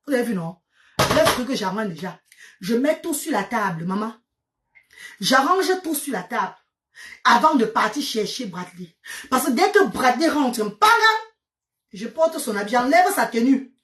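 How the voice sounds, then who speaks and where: Her pitch fairly high and her pace moderate, a Cameroonian vlogger speaks French with a local accent as she tells chatty, animated stories to her followers. She is a native Medumba speaker. She exclaims often, repeats herself, and sprinkles in English words.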